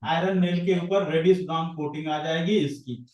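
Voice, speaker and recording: A man's voice: a little high, fairly even intonation, moderate pace, darkish tone. A man with an Indian accent teaching a science class, questioning students and calling on them by name. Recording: roomy classroom audio from a distance.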